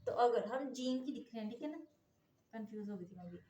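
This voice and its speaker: A patient English phonics teacher gives a classroom-style lesson explanation, often checking in with "okay?". Her voice is fairly high, animated, mellow and a little fast, in an echoey room with faint noise.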